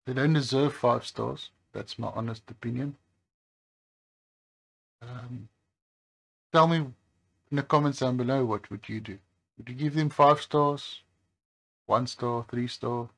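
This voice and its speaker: Working at a workbench next to a highway, a man who hosts a phone repair channel chats to the camera. His voice is gravelly and low, and his pace is slow and laid-back, with frequent hesitations.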